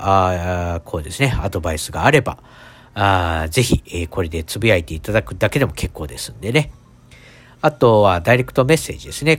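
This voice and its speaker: A man's voice: lowish voice, a bit bright. A man hosting a casual solo podcast in a stuffed-up, nasal voice, talking in a hesitant, rambling, apologetic way. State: congested nose. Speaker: podcast host.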